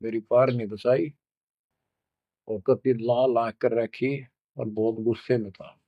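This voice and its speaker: Male preacher, slow storytelling sermon, dry dull lo-fi sound. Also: mid-range voice, flat delivery, no echo. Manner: slow, addresses listeners as children, chants verses drawn out. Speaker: spiritual preacher. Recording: dull lo-fi recording.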